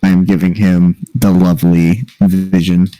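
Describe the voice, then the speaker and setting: A man's voice: deep voice, flat delivery, a little slow, mellow, no room sound, soft background music, rough recording. A man playing in a tabletop game, laid-back and casual, swearing and laughing often. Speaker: player.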